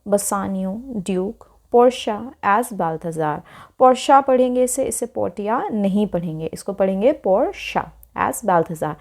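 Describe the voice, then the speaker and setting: Woman teacher going over a lesson, defines each word step by step, says "okay" a lot, reads the english bits slow. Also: medium pitch, gravelly, a little mellow. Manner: explains terms step by step, checks with frequent "okay" asides; reads English text slowly and deliberately. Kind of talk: explaining a textbook lesson.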